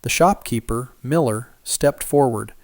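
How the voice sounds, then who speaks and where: A male narrator telling a frontier tale in a measured, even way, at a middle pitch. The sound is dry and close, with no trace of room. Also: no room sound. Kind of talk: scripted story narration.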